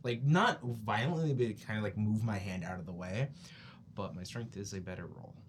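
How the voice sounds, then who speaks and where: A man's voice: on the low side, normal speed. A man casually playing a tabletop role-playing game and narrating his character in a mild, hesitant way. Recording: clearly noisy room recording.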